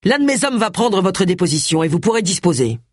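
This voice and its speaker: A narrator voicing a grumpy middle-aged male police inspector who barks curt orders, with a husky voice. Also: mid-range voice, big pitch swings, fairly quick, no room sound, studio quality. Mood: gruff, irritated. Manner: barking, curt.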